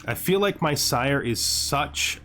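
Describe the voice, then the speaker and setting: This gaming series host has a mid-range, sharp-toned voice that is animated yet slow, with slight background noise and music playing behind him. He comments casually on a video game, thinking out loud, posing rhetorical questions, sounding exasperated at times and occasionally reading game text aloud.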